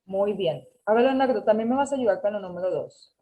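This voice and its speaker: A woman's voice: medium pitch, expressive, a little fast, narrow, tinny audio. A woman teaching an English class over a video call, patiently correcting students and mixing with English. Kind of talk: online class instruction.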